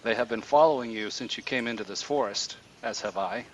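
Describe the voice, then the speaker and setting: A talking raven of the fey forest, voiced by a male game master, watchful and foreboding. It makes solemn, formal pronouncements in a lowish voice, with clear background noise from outdoor nature ambience. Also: a little fast, natural voice, poor audio.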